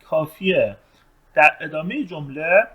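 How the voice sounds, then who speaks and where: A man, speaking in a somewhat high voice, teaches an English lesson. He reads each test sentence slowly, then translates it and explains the grammar point. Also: lively intonation, sharp tone, breathy edge, low-quality recording.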